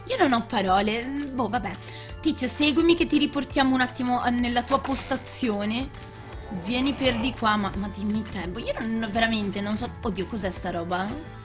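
A woman hosting a casual let's-play, commenting her game in an animated, excitable way with frequent exclamations. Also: a little high, moderate pace. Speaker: gaming channel host. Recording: faint background music.

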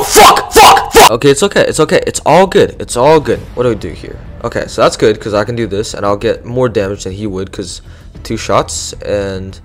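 A young man giving live gameplay commentary, excitable and swearing often, swinging from muttering to yelling. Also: lowish voice. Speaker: gaming YouTuber.

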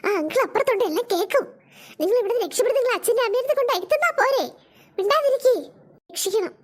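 A woman's voice: very high voice, expressive, very fast. A woman voicing a kind, worried woman in a cartoon, murmuring anxiously and soothing the children. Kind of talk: cartoon voice acting.

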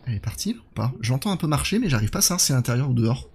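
A man's voice: medium pitch, sing-song, racing, husky. A man doing casual live commentary on a horror game while chatting with his viewers.

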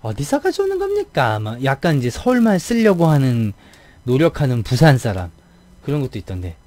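A man's voice: mid-range voice, sing-song, a little fast, warm tone, no echo. A man from the Gyeonggi region of South Korea, chatting casually with his live viewers as a game streamer, throat a bit tired, playfully mimicking how other people talk.

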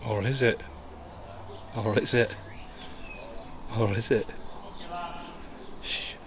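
A man with a lowish, steady voice speaks extremely slowly while commentating casually on a bowls match at an outdoor bowling green. Crowd noise comes through the camera mic as he explains every shot in a chatty, amateur style.

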